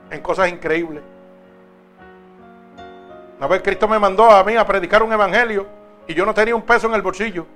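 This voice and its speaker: High-voiced preacher. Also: male voice. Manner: emphatic, swings between loud and soft. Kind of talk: sermon.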